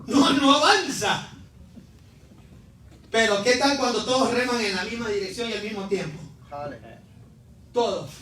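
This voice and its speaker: A male pastor preaching a sermon, shouting refrains and calling on the congregation to answer. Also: very high voice. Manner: animated preaching, shouting refrains, calls for responses. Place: church sanctuary. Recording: echoey church hall, mic at a distance.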